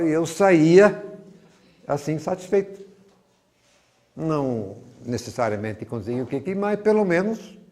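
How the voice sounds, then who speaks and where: An older Brazilian man, a Bible teacher with a Brazilian Portuguese accent, speaks in a somewhat high, creaky, mellow voice. His teaching talk is rambling and conversational, packed with personal stories.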